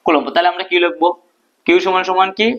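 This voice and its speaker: A man's voice: high-pitched, fairly even intonation, quick pace, a bit bright. A male teacher explaining a physics proof at a board, asking questions and answering them himself. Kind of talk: physics lesson at a whiteboard. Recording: dull lo-fi recording.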